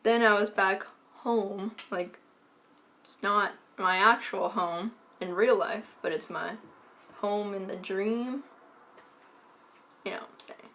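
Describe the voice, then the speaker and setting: A woman's voice: medium pitch, slow pace. Rambling woman telling a dream. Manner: rambling storyteller, lots of "like", deadpan asides. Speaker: co-host. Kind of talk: casual chat.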